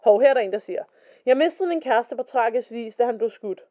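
Warm, animated, and on the high side, her voice carries a chatty co-hosting style on a casual podcast where she reads stories aloud. When quoting, she slows her delivery. It's a dull, lo-fi podcast recording.

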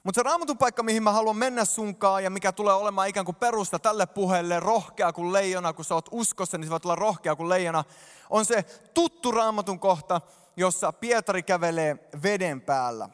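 High-voiced man preaching in reverberant hall. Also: clear, resonant tone. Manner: animated, addresses congregation directly. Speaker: pastor. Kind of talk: sermon. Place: church hall stage.

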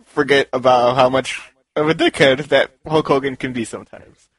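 A man chatting casually as co-host, chiming in with quick wry remarks and frequent laughter. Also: mid-range voice, steady tone, no echo. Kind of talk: casual chat.

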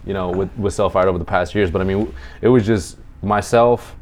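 Male podcast host, lowish voice, loose rambling banter. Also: fairly even intonation, a little fast. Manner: rambling, self-deprecating, laughs easily. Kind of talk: casual chat.

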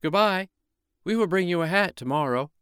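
A cheerful group of young children in a storybook calls out high and sing-song, as a man puts them on. The voice swoops up brightly. It sounds close and dry. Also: lively intonation, moderate pace, smooth, no echo.

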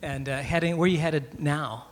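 A man with a somewhat high voice runs a casual live interview. He asks easy questions and laughs readily. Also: normal speed. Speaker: radio interviewer.

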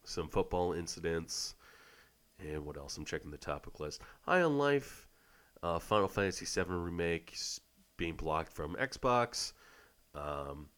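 Male podcast host, deep voice, stuffed-up and nasal, halting casual delivery. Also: fairly bright tone, clear, resonant tone. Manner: halting, with many filler sounds. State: congested from illness. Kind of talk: casual show announcement.

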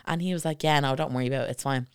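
Fast-talking woman telling a story. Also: a bass voice, smooth, no room sound, clean studio sound. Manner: animated storyteller acting out quotes, swears freely. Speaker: podcast co-host. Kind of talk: casual storytelling chat.

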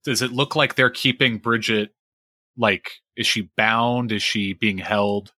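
A man's voice: on the low side, fairly even intonation, slow pace, sharp tone, dry recording, studio quality. A man talking casually as a player in a tabletop role-playing game.

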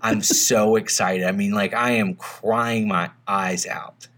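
A man's voice: on the low side, fairly even intonation, slow, fairly bright tone. A man co-hosting a movie podcast in casual, rambling chat, recording under a blanket. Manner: rambling, laid-back, swears freely. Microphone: home podcast mic under a blanket.

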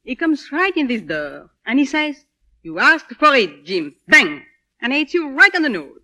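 A feisty young woman in an old Hollywood comedy manner. Her voice is high and bright, with big melodic swings. She is blunt, fussy and teasing in a theatrical way. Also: very animated, moderate pace, exaggerated voice. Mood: gleeful, taunting.

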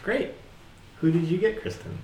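A man co-hosting a casual chat show, reading a plot summary with a lively delivery. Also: sits high, moderate pace. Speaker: podcast co-host. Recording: roomy echo.

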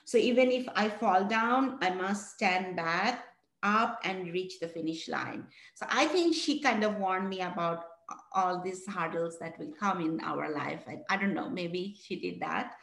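A woman from Bangladesh talks through her story as an interview guest, earnest and reflective, pausing to restart her thoughts. Her voice carries a roomy echo, as if recorded in an open, hard-walled space. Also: on the low side, fairly bright tone. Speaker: guest, founder of a mentoring program. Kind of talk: interview answers.

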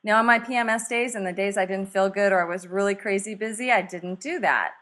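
A woman's voice: medium pitch, fairly quick. A middle-aged woman author, guest in a conversation, telling a story and acting out quoted lines with laughter. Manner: animated, acts out quotes with laughter.

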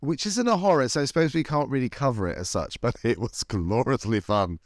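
A British man with a medium-pitched, brisk voice, recorded with clean studio sound and no room echo. He hosts a cult movie podcast, chatting comedically and casually in the theatrical, flamboyant manner of a campy drag queen.

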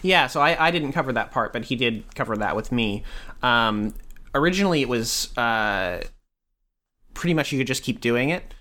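A man narrating a tabletop game as game master, in a relaxed, hesitant way with many fillers. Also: medium pitch, normal speed.

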